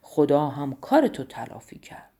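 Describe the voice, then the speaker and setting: A woman voicing a panicked male shepherd who cries out urgently in a high, strained voice, in a told bedtime story. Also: very animated, mellow, husky, exaggerated voice. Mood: reproachful.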